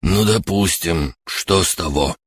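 A man voicing a frightened young male lookout who pleads in a panicky, shrill way. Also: unhurried, slightly rough, dry recording, clean studio sound. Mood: panicky, pleading.

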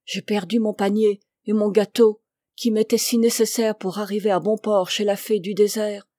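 A woman's voice: medium pitch, flat delivery, moderate pace, dark tone, dry recording, close to an everyday voice. A woman voicing a vain, proud young princess in a storybook reading, with a pleading, emphatic delivery. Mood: distressed.

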